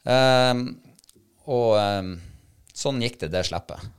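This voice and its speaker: A man telling a story in casual chat, animated and quoting the people he met. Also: medium pitch, clear, resonant tone. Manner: lively, animated retelling, quoting others. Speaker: dog handler telling a story.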